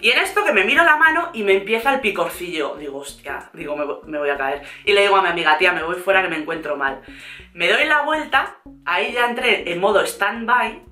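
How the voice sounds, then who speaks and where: A woman with a Spain Spanish accent telling a storytime vlog in a lively way, laughing and acting out what others said. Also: medium pitch, brisk, echoey room, faint music behind. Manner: lively, laughing, acts out quotes. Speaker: vlogger. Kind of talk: storytime monologue.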